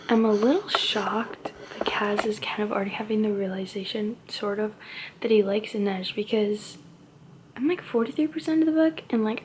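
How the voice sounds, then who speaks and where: A woman's voice: medium pitch, a little mellow, a little hiss or hum. A young woman chatting through a late-night reading vlog, tired and often half-whispering, with slightly muffled speech from a retainer and lots of "like" fillers. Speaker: book vlogger.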